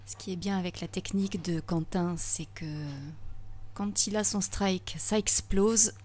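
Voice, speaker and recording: A woman co-commentating live bowling, briskly calling each shot as it happens. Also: mid-range voice, fairly even intonation, darkish tone. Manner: brisk, calls the shots as they happen.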